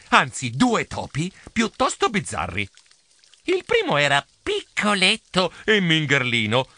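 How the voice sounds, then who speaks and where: A man narrating a children's audiobook in a playful, animated storytelling manner. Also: fairly high pitch.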